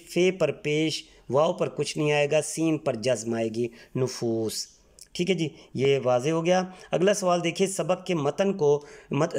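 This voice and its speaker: A man from Pakistan, teaching a textbook exercise patiently and spelling words out letter by letter. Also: a little high. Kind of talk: Urdu textbook exercise lesson.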